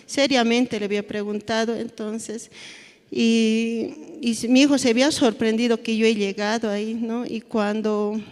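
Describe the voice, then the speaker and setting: A middle-aged woman speaks at a church service, telling her own story in halting, earnest phrases. Her voice sits on the high side for a woman. The sound carries a long reverb from the hall. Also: fairly even intonation, darkish tone. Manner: halting, earnest, tags lines with "¿no?" and "así". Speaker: church member giving testimony. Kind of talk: personal testimony in a church service.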